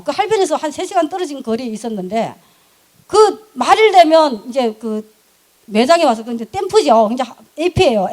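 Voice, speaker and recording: A middle-aged woman, telling her business story in an animated, emphatic way and laughing often. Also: sits high. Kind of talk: lively storytelling talk.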